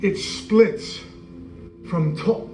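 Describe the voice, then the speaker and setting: Earnest Roman centurion played by a man, eyewitness monologue, slow and halting, dull echoey stage sound. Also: sits high, pitched above the performer's own voice. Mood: urgent. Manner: halting, stammering retelling. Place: church hall. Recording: echoey hall, dull sound, faint music.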